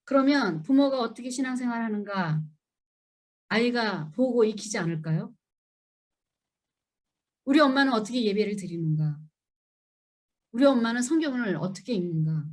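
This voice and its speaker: Middle-aged woman lecturer, high voice, very animated, emphatic and questioning. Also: normal speed, long pauses. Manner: lively, emphatic, asks the audience questions; acts out children and parents in high voices. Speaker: seminar lecturer. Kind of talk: church seminar lecture.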